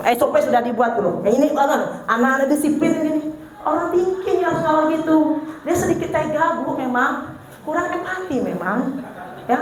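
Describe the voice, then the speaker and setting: A middle-aged woman with a Banjar accent giving a lively, humorous parenting seminar to an audience, animatedly acting out funny anecdotes about her husband. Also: high voice. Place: large hall with an audience. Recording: very echoey hall, faint noise.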